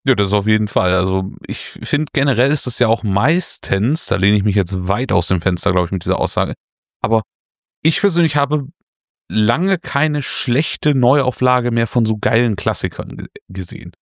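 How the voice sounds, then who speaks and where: A man's voice: on the low side, expressive, normal speed, no room sound, clean studio sound. A man co-hosting a casual board game news podcast, self-mocking and jokey, laughing at his own slips. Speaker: podcast co-host.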